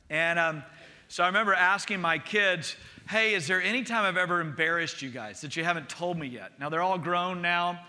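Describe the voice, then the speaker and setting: A middle-aged man preaching a sermon, telling a lively story and building to urgent exhortation. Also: a little high. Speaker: pastor.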